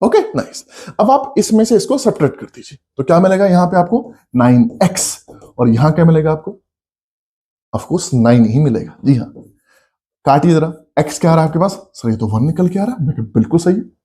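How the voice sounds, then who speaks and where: Man teaching a math class, animated swooping pitch, mellow tone. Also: normal speed. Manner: lively, coaxing, addresses students as beta, acts out their questions. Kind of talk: coaching class lecture.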